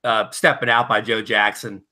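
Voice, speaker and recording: A man's voice: lowish voice, flat delivery, moderate pace, pushed and bright. A man of nearly sixty co-hosting an online chat, talking hesitantly with stammers and correcting small details. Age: 50s. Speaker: co-host.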